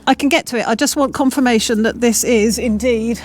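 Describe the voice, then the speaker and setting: This motovlogger's voice is fairly high and fairly quick as she fixes her motorbike in a home garage. She reads the instructions aloud and chats away, often joking at her own expense.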